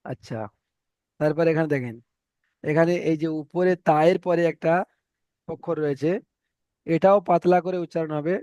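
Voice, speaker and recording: A man's voice: a little high, steady tone, moderate pace, pauses often, darkish tone, clear, resonant tone, no room sound, lo-fi sound. A male teacher with an Indian Bengali accent, leading an online Arabic reading lesson and patiently repeating letter sounds for his students. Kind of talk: online Quran reading class.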